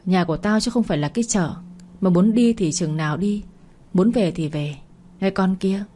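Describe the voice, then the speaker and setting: A woman's voice: medium pitch, normal speed, dark tone, slight background noise, close to an everyday voice. A woman voicing a harsh, domineering older mistress of the house in a storybook reading, scolding and scornful.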